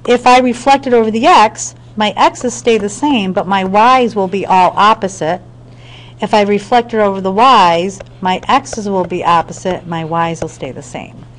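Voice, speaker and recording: A woman's voice: medium pitch, normal speed, poor audio. Woman math teacher, patient and methodical, speaks straight to her students, mid-range voice. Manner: patient step-by-step explaining with frequent check-ins; talks to students directly. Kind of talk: screen-recorded math lesson.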